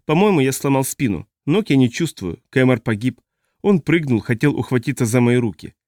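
A man's voice: medium pitch, animated, a little fast, darkish tone, dry recording, studio quality, lightly acted. A man reading the part of a badly injured man hanging from a cliff, speaking in a weary, strained voice. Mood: exhausted. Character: injured man clinging to a cliff, exhausted and frightened.

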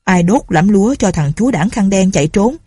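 Brief: gruff, loud older village boss, voiced by a woman, dark husky tone. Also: mid-range voice, animated, a little fast, no echo, studio quality. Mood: demanding. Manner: shouting, commanding. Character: older male village official, harsh, quick-tempered father.

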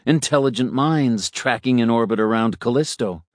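A man reading a story aloud in a measured, unhurried way. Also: medium pitch, no echo, clean studio sound. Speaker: narrator. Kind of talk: storybook narration.

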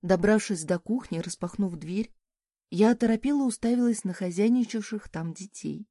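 A woman narrating a first-person audiobook in a lively, expressive reading. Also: medium pitch, moderate pace, no echo, clean studio sound.

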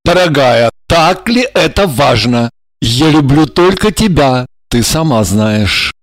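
A flustered husband, as a man acts him out, placating and soothing in a mid-pitched voice. He pleads and mumbles his excuses, recorded dry and close in a storybook reading. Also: lively intonation, slow pace, no room sound.

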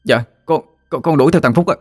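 A man's voice: on the high side, fast, a little mellow, breathy edge, no room sound, clean studio sound, soft background music, voice pushed up. A man voicing a frightened young village boy who stammers in panic.

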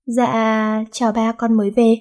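Woman doing a cheeky young heroine, teasing, high voice. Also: flat delivery, unhurried, a little mellow, lightly acted. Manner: cheeky, laughing.

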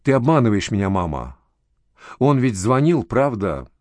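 A man's voice: fairly low pitch, very animated, normal speed, darkish tone, dry recording. A man voicing a young new mother who is emotional, lovesick and desperate, pleading and accusing by turns, in a spoken story.

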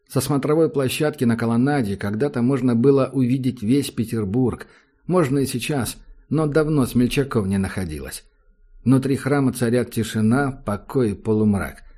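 A man narrating an audiobook in a measured, ominous reading style. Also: medium pitch, darkish tone. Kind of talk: scripted narration.

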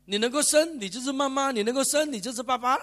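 Guy preaching at church, high voice, keeps asking the crowd questions. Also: fast. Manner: lively, chatty preaching with bursts of laughter. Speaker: pastor. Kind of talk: sermon. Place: church service.

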